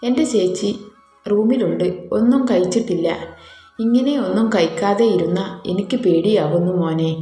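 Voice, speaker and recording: A woman's voice: mid-range voice, normal speed, natural voice. A woman reading as a worried older mother superior. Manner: worried, gentle. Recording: roomy echo, faint music.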